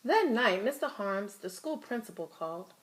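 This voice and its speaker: A woman's voice: medium pitch, sing-song, normal speed, noisy background. A woman storyteller reading a children's picture book aloud with dramatic, emphatic phrasing.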